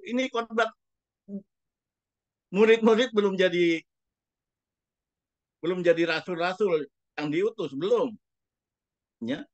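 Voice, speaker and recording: A man's voice: high-pitched, a bit bright, dry recording. A man preaching a sermon as a pastor, speaking emphatically and putting rhetorical questions to the congregation.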